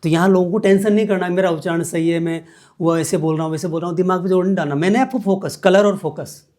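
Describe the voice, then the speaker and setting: A man's voice: high voice, steady tone, fast talker, a little mellow. A man teaching meditation as a guest, explaining each step patiently and repeating key points. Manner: patient, repetitive step-by-step instruction.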